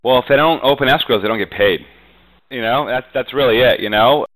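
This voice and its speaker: Speaking a little fast in a mid-range, slightly bright voice, a real estate agent answers interview questions in a confident, conversational way. He keeps dropping in "you know" as a verbal tag. The audio is poor.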